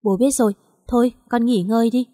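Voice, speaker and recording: A woman voicing a gentle, worried older father in an audio story, speaking with concern. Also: on the high side, fairly even intonation, brisk, dry recording, clean studio sound, lightly acted.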